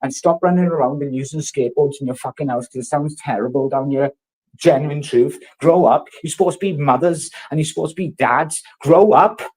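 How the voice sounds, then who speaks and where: This vlogger is a man in his thirties from South Wales, his voice on the high side, a little fast and husky, captured in a rough recording. He rants angrily to camera, loud and confrontational, swearing constantly and heavily.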